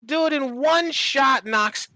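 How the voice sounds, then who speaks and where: In a laid-back podcast chat, a man tells animated stories with emphasis and profanity, repeating phrases for effect. His voice is very high, pushed and bright, and he takes it slowly. There is no echo.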